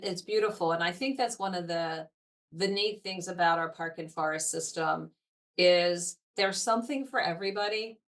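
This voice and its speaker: A woman's voice: fairly low pitch, fairly bright tone. A woman chatting about outdoor trips in a digressive, conversational way. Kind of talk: casual conversation. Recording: voice slightly distant from mic.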